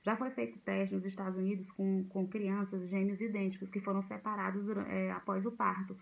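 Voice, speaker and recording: A woman's voice: medium pitch, level tone, fairly quick, creaky, poor audio. A woman giving an informal talk to parents about raising children, speaking conversationally with frequent fillers and restarts. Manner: conversational, repeats herself, many fillers and restarts. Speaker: parenting educator.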